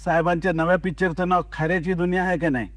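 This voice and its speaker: A man voicing a calm, cheeky middle-aged washerman who answers everything deadpan. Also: high voice, racing.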